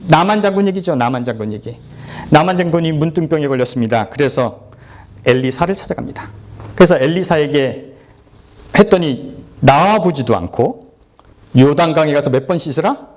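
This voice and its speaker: Animated pastor with a lively voice. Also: male voice, moderate pace. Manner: conversational, asking the congregation questions; acts out characters in low and high voices. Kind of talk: sermon.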